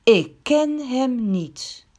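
A woman's voice: high-pitched, sing-song, unhurried, pitched above the performer's own voice. Lady doing a panicky disciple guy in a kids bible story, voice jumps all over. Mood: denying. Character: frightened, impulsive adult male disciple.

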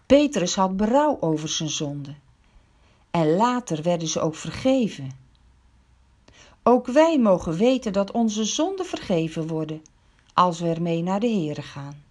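A woman's voice: fairly low pitch, big pitch swings, a little slow, a little mellow. A woman telling a Bible story to children, dramatic and full of questions to the listeners.

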